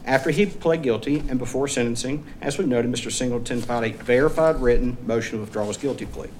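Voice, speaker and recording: A man arguing as a lawyer in court, speaking in a formal, measured and deferential way. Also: mid-range voice, a little mellow. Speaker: defense appellate lawyer. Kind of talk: formal oral argument. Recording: clearly noisy courtroom recording.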